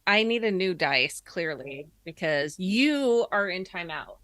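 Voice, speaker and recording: A woman's voice: fairly low pitch, animated, unhurried, fairly bright tone, no echo. A woman playing a tabletop game, chatting casually and jokingly with the other players.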